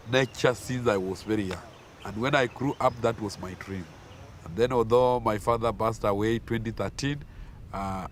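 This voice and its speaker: Kenyan man, lowish voice, interview. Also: slight background noise. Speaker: forest guide interviewee. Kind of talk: spontaneous interview storytelling.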